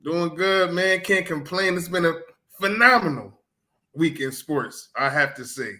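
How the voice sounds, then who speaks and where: A man co-hosting a sports talk show, emphatic and excited, often repeating himself. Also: fairly high pitch, unhurried.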